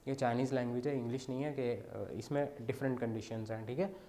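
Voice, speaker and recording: A man's voice: medium pitch, fairly even intonation, a little fast, mellow. A man teaching beginner Chinese, who explains step by step and often checks in with his students. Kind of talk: beginner language lesson.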